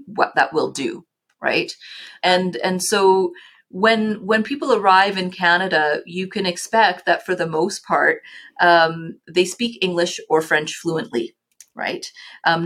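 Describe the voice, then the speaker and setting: A woman's voice: on the low side, fairly bright tone. A middle-aged woman, a nonprofit leader, talking earnestly as a podcast guest, often restarting her sentences. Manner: earnest, many restarts and fillers. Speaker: guest, nonprofit chief executive. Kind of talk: casual interview talk.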